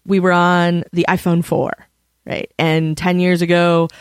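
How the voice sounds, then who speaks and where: A woman hosts a podcast in a chatty, casual conversation full of fillers. Her voice is on the low side, level in tone, and a little slow.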